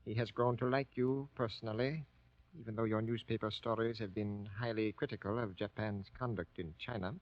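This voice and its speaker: An actor playing a guarded, courteous American-born Japanese army sergeant, speaking formally and carefully in grave 1940s radio drama style. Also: male voice, fairly low pitch, fairly even intonation, no echo, close to an everyday voice. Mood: guarded, polite. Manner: formal, careful, deliberate diction. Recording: dull old 1940s radio recording.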